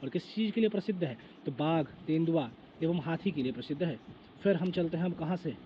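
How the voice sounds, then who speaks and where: A man's voice: a little high, expressive, fairly quick. A man teaching an exam prep lecture, repeating lists again and again and answering his own questions. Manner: repeats lists over and over, asks and answers himself. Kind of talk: lecture with repetition drills. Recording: dull lo-fi with faint noise.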